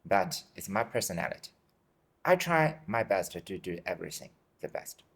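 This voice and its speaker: A man in his forties from China, Chinese native, answering interview questions in simple, halting English and repeating himself, tired. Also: sits low, sing-song, vocal fry, fairly bright tone, breathy edge. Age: 40s. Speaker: dentist guest. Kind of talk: interview answers in second language.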